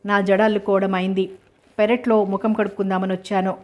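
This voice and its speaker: A woman reading a first-person novel aloud in a steady, even manner. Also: medium pitch, a little fast.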